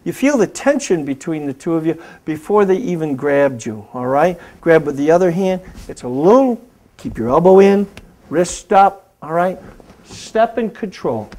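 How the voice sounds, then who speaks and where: A man's voice: on the high side, animated, moderate pace, a little mellow. Man coaching self-defense moves. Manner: coaching, giving step-by-step commands. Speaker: host and martial arts instructor. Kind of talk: instructional demonstration, talk show.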